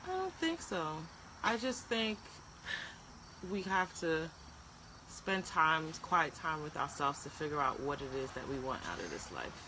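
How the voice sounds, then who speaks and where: A woman co-hosting a casual live-stream chat, frank and animated, ranting with quick asides. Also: low voice, background noise. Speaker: co-host.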